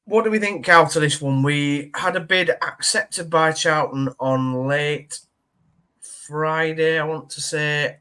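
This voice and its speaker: A man's voice: mid-range voice, fairly bright tone. A man hosting a casual football podcast, chatty and teasing, with plenty of ums and uhs. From Yorkshire, England. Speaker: podcast host.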